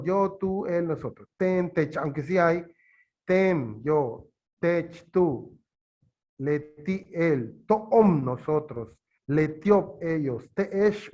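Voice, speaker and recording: A man teaching in an interview, from Yucatán in Mexico with a Yucatán Spanish accent, explaining slowly and haltingly with many fillers. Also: on the high side, a little mellow, muffled recording.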